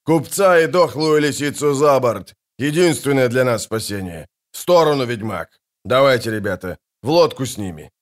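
A man voicing a rough, hoarse sailor who leads a mutiny and threatens with menace. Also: fairly low pitch, big pitch swings, measured pace. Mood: menacing. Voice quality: hoarse, rasping. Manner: menacing, swearing.

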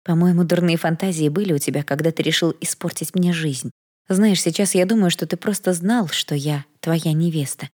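A woman's voice: lowish voice, moderate pace, a little mellow, close to an everyday voice. Woman voicing a snappish, scornful young bride. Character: sharp-tongued defiant young bride.

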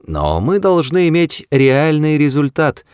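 A man's voice: fairly high pitch, big pitch swings, unhurried, a little mellow, smooth, dry recording, clean studio sound, voice pushed up. Frankie, a fed-up talking mouse, as a man puts him on. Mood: weary. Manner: chatty, tired and fed-up.

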